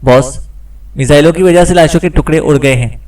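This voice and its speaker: Brief: narrator voicing a sharp male agent, cold and in control, set back from the mic. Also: fairly high pitch, fairly quick, distant mic, close to an everyday voice. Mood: cool. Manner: cool, commanding.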